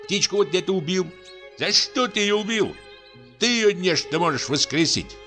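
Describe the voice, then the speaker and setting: A man voicing a pompous, sanctimonious landowner gentleman who scolds in a high, drawn-out tenor. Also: expressive, faint music behind. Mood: scolding.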